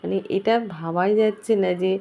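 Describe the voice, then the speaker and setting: A woman's voice: medium pitch, fairly even intonation, a little fast, gravelly, dark tone. Chatty young woman vlogging at home. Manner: chatty, addresses viewers directly. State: slightly hoarse. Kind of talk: casual family vlog narration. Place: home, indoors.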